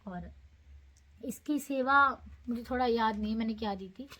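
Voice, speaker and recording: A woman with a slightly high voice speaks to her followers in a casual devotional how-to. She is patient and repeats each instruction, slipping English words in as she goes. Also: normal speed, fairly bright tone. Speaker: devotee guiding followers on daily scripture reading.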